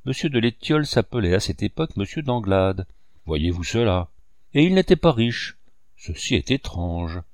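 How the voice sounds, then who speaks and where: A man's voice: fairly low pitch, sing-song, normal speed, darkish tone, no room sound, studio quality. A man voicing a bold young male sculptor who speaks bluntly and defiantly.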